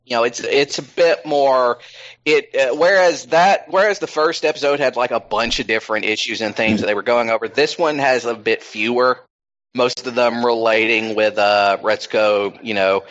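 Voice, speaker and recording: A man's voice: mid-range voice, moderate pace, fairly bright tone. Rambling man with a dull lo-fi sound. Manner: rambling, many ums and restarts. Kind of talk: casual chat.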